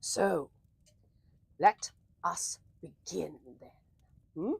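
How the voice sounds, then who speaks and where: Theatrical breathy woman storyteller, slow and swooping. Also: medium pitch, big pitch swings, no echo. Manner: theatrical, old-fashioned flowery speech with drawn-out phrases. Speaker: livestream host and storyteller. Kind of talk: theatrical livestream hosting and interactive storytelling.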